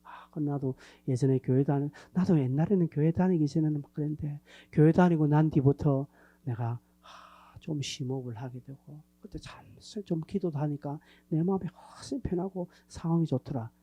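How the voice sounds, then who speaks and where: A woman preaching a sermon, animated, acting out everyday conversations and sometimes dropping to a hushed near-whisper. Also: sits low, normal speed, dry recording, dull audio. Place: church sanctuary.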